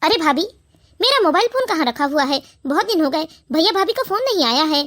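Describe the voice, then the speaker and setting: A voice artist playing a naive, polite young brother-in-law in an animated family cartoon, speaking in a plaintive way. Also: very high-pitched, brisk, full character voice.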